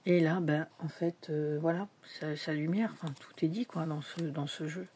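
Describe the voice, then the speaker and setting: A woman's voice: low-pitched, steady tone, normal speed, a little mellow, a little hiss or hum. A woman in a casual vlog, showing her tarot decks in a chatty, hesitant way with many fillers, sometimes dropping to a whisper. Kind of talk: casual show-and-tell vlog.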